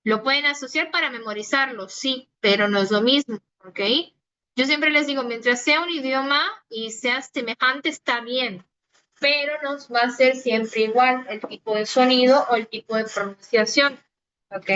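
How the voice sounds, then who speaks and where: Patient woman teaching Italian, slow. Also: high-pitched, bright, forceful tone. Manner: patient, explanatory, checks in with "ok?". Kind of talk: online language class. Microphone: phone recording of a video call. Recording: dull phone recording of a video call.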